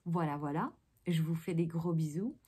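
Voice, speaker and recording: A woman's voice: low voice, moderate pace, warm tone, husky. A woman with a Belgian French accent, an actress chatting casually through a day-in-the-life vlog in a loose, rambling way. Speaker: actress and vlogger.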